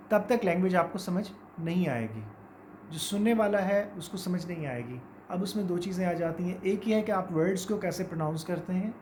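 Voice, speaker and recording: A man's voice: high voice, darkish tone, slight background noise. A man with a Pakistani accent teaching English pronunciation, explaining casually and mixing English words into his talk. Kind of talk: informal spoken lesson.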